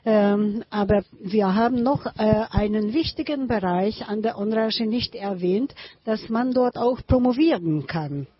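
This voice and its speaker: A woman hosting a radio interview, moving slowly through her questions and filling pauses with hesitant fillers. Her voice is husky and a little breathy, and the recording sounds dull and lo-fi. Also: mid-range voice. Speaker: radio host.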